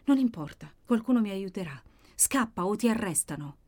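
A woman's voice: medium pitch, animated, moderate pace, darkish tone, close to an everyday voice. A woman voicing a wounded young woman who speaks weakly and faintly. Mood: faint pleading. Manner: weak, faint, breathy pleading.

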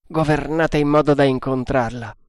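A man's voice: mid-range voice, steady tone, moderate pace, clean tone, no room sound, clean studio sound, close to an everyday voice. A man playing a stern, thundering ship captain. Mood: curt. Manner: thundering orders, curt questions. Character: stern commanding ship's captain, impatient.

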